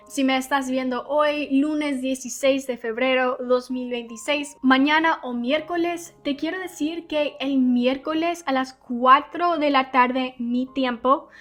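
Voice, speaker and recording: High-voiced woman, patient language teacher. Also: a bit bright. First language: English. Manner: patient, step-by-step explaining. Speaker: English teacher. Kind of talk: Bible-based pronunciation lesson.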